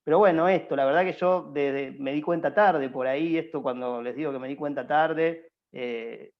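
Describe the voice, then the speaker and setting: Over a video call, a young workshop panelist with an Argentine Spanish accent and a mid-range voice gives students rambling, informal career advice. He uses many fillers and restarts, and the recording sounds muffled.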